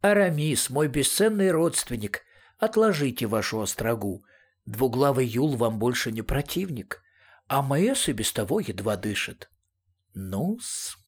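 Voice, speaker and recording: A man voicing a stout, ruddy, grey-haired older doctor with a pleasant velvety voice, unhurried and amused. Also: medium pitch, expressive, breathy edge. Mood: genial.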